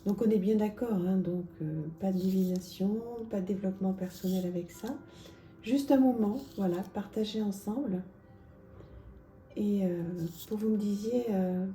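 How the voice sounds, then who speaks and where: A woman presenting oracle card decks in a casual, chatty vlog, with lots of small pauses and fillers. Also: mid-range voice, fairly even intonation, warm tone, reverberant, faint music behind. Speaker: tarot and oracle card reviewer.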